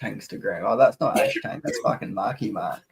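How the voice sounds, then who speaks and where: Husky, blunt Australian man. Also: on the low side, huge pitch swings, brisk. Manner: blunt, sweary, slangy. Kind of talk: casual livestream banter.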